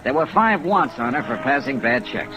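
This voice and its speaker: In a vintage, low-quality radio recording with rain and music, an American actor narrates and stars as a wry, brisk insurance investigator in a 1950s detective serial. His natural, mid-range voice is expressive at a moderate pace, and his delivery is clipped, dry and businesslike as he lays out the case.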